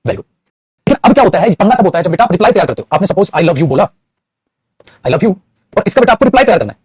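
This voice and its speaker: A man teaching grammar at a rapid clip, his voice high for a man and a little husky. He repeats himself often and keeps checking in with the class. The sound is dry and close. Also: animated, darkish tone, dry recording. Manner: repetitive, addresses students as "beta", frequent "very good". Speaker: English teacher. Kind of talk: classroom-style grammar lesson.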